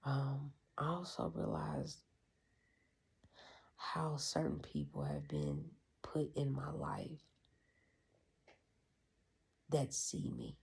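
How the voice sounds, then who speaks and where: Gravelly, breathy hushed storyteller. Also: medium pitch, big pitch swings, extremely slow, pauses often. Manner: profane, hushed and half-whispered, reflective. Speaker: vlogger. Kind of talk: candid personal retreat recap.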